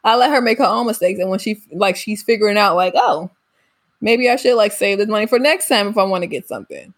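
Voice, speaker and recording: A woman's voice: mid-range voice, animated, quick pace. A woman co-hosting a casual parenting podcast, who laughs often while she talks. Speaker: co-host.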